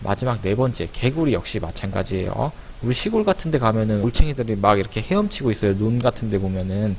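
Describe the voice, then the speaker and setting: Man teaching schoolchildren over clear hiss. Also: on the low side, animated, fast. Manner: conversational, addresses pupils directly. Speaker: teacher presenting an online lesson. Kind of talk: casual explanatory lesson for schoolchildren.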